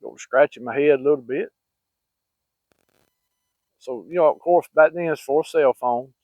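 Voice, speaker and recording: His voice sits a little high and moves at normal speed, with no echo on the dry, phone-like audio. He's a middle-aged channel host casually recounting a hunting story, wandering and folksy, with plenty of fillers and restarts.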